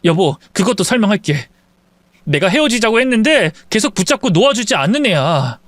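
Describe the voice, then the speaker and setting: A man's voice: high voice, big pitch swings, brisk, a bit bright, no echo. A man voicing a deceitful young husband who stammers and pleads with excuses in a dry recording. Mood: pleading. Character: lying, groveling young husband caught cheating.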